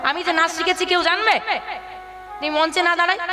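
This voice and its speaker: A woman preacher giving a devotional kirtan sermon to a seated gathering, asking the audience questions and chanting verses slowly. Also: extremely high pitch, fairly even intonation, music in the background. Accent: Bengali.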